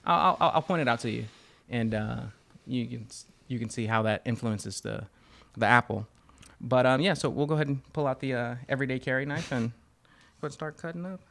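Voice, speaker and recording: A man's voice: medium pitch, fairly quick, creaky. A man hosting a casual podcast chat, talking loosely with lots of fillers while cutting and tasting fruit. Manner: relaxed, rambling, many fillers. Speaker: podcast host.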